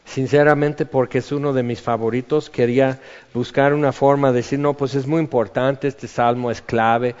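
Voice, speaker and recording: Speaking at a moderate pace, a man with a steady, medium-pitched voice that sounds darkish yet clean preaches in a conversational manner. He reads psalm verses aloud, and the sermon was captured in a dull hall full of reverberation.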